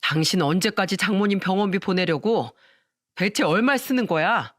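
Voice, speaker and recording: A woman's voice: medium pitch, animated, moderate pace, no echo, clean studio sound, natural voice. A woman voicing a stingy, money-obsessed middle-aged husband who talks in a curt, dismissive way. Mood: scornful.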